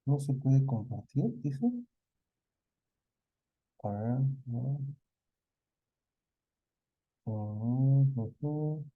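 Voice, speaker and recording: A man's voice: mid-range voice, extremely slow, long pauses, highs cut off. A man with a Peruvian Spanish accent teaching a live online literature review, asking questions and then answering them himself.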